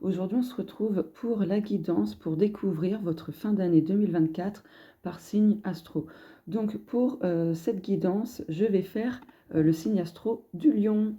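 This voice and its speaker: A woman's voice: medium pitch, measured pace, warm tone. A woman giving a casual card reading, hesitant and chatty, thinking aloud with many filler sounds. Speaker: card reader giving a collective astrology guidance.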